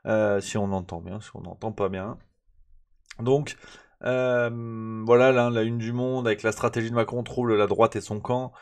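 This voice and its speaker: A man's voice: lowish voice, steady tone, normal speed, darkish tone. A man hosting a live press review on a stream, rambling and sarcastic, full of hesitations, talking straight to his chat. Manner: talks straight to the chat audience. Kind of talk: casual livestream press review.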